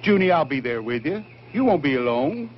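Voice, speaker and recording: High-voiced, resigned old grandfather. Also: very animated, fairly quick, a little hiss or hum. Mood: soothing, resigned. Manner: reasoning, placating. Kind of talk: 1960s B-movie acting. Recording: muffled old film soundtrack.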